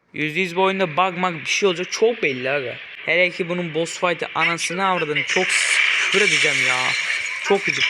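A young man from Turkey giving casual, joking commentary on a horror game as he plays, often swearing and yelping at it. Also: on the high side. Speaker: gaming YouTuber. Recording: loud game music behind the voice.

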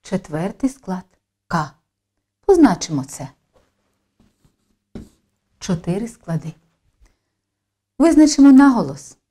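Slow, mellow woman teacher. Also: medium pitch, big pitch swings. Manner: slow, careful, deliberate dictation. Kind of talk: slow instructional narration.

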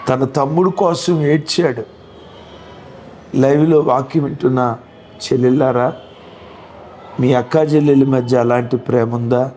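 A man's voice: mid-range voice, fairly even intonation, unhurried, long pauses, dark tone, a little hiss or hum. Impassioned male pastor preaching. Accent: Telugu. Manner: impassioned preaching with rhetorical questions to the congregation. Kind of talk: sermon.

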